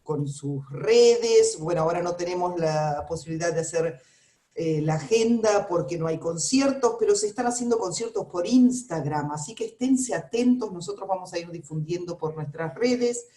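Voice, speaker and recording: A woman's voice: fairly low pitch, lively intonation, moderate pace, mellow, roomy sound. A woman with a Rioplatense Spanish accent hosting a radio interview, chatting with frequent fillers. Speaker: radio host.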